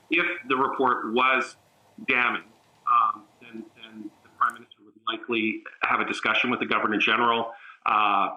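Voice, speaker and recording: A man giving a political analysis in a remote news interview, measured and halting, with frequent fillers and restarts. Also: on the low side, bright, forceful tone, poor audio.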